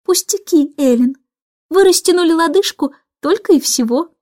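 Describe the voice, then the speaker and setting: A woman's voice: extremely high pitch, moderate pace, a little mellow, no echo, studio quality, voice pushed up. A woman voicing a harried middle-aged mother, plaintive and fussing, in a storybook reading. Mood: flustered.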